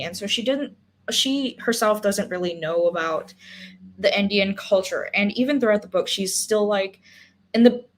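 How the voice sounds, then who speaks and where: Casting: young woman, book club host, casual and rambling, mid-range voice. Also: mid-range voice. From Singapore. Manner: thinking aloud with many fillers and restarts.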